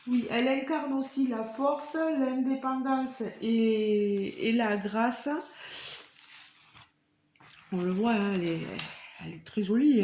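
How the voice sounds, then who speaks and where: A woman's voice: mid-range voice, darkish tone, reverberant, a little hiss or hum. A woman vlogger chatting to her viewers as she unboxes a craft kit, marvelling at each item. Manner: chatty, addresses viewers directly; marvels at the items she shows. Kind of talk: casual unboxing vlog.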